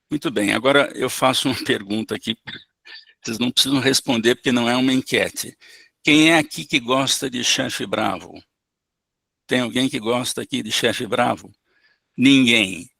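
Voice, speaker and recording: A man teaching a spiritist class over a video call, explaining slowly and calmly. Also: medium pitch, creaky, slightly rough, no room sound. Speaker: spiritist course instructor. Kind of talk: online lecture.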